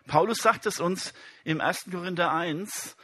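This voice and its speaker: Bright, husky-voiced preacher man. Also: high voice, normal speed. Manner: addresses the congregation directly, reads scripture aloud with emphasis. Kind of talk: sermon.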